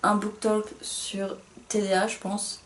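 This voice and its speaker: A woman's voice: mid-range voice, little pitch movement, slow, reverberant, a little hiss or hum. A young woman co-hosting a casual book review, chatty and self-mocking, laughing often.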